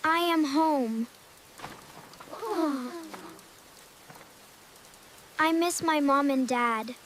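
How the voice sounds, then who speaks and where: A woman voicing a sad, timid little girl in an animated storybook for learners, speaking slowly and gently. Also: sits high, background noise. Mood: lonely, wistful.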